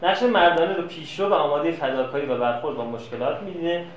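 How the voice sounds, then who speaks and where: A man giving a classroom lecture, telling anecdotes and acting out quoted dialogue. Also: on the high side. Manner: lively storyteller, plays out quoted dialogue. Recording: echoey room, faint noise.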